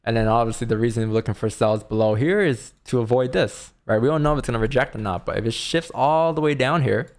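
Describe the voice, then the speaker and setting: A man's voice: mid-range voice, quick pace, few pauses. A man giving casual live commentary as a stream host, rambling informally and thinking aloud.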